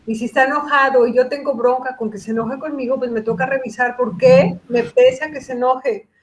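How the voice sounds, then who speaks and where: Reflective woman, slightly high voice. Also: fairly even intonation, fairly quick, a little hiss or hum. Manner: reflective, explains with examples and quoted dialogue. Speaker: guest psychologist. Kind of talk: casual podcast conversation.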